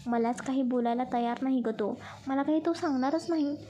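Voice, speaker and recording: A woman's voice: high-pitched, a little fast, dark tone, slight background noise, natural voice. Woman reading as a worried middle-aged mother. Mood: concerned. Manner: composed, concerned.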